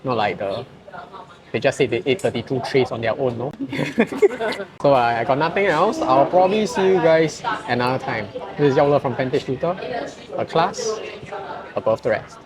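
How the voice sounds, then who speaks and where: Fast-talking Singaporean man at a buffet. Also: medium pitch, expressive. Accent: Singaporean English. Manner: chatty, storytelling, laughs often. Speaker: tutor and channel host. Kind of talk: casual chat over a meal. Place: buffet restaurant. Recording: loud restaurant crowd chatter. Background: diners talking.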